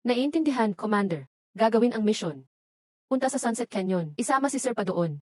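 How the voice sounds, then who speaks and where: A woman's voice: a little high, animated, fairly quick. Lady dubbing a short drama, does all the parts the same way, no room echo at all. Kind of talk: dubbed short drama dialogue.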